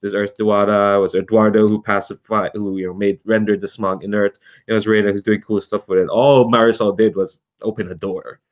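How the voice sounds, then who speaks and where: Man, tabletop player, fairly low voice, hesitant and rambling, muffled lo-fi call sound. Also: little pitch movement, a little fast. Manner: rambling, hesitant, many ums and restarts. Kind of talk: playing a tabletop game online.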